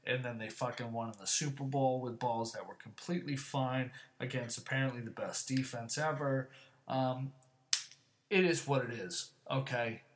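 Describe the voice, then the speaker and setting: A man hosting a solo podcast, swearing constantly in a casual ranting monologue that grows louder and higher when he is annoyed. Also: steady tone, moderate pace, a little hiss or hum.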